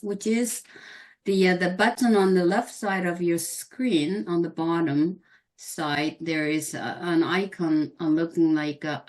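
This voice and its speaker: A woman giving a Zoom tutorial on a video call, halting with many ums and restarts. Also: lowish voice, darkish tone. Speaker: workshop facilitator.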